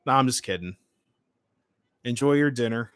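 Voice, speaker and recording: A man in his late twenties speaks as a livestream host in an informal, chatty way. His voice sits at an average pitch with very little room sound. He moves between short remarks and replies to comments. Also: normal speed, a bit bright, smooth, dry recording, clean studio sound. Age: late 20s. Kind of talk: casual livestream chat, reading and answering comments.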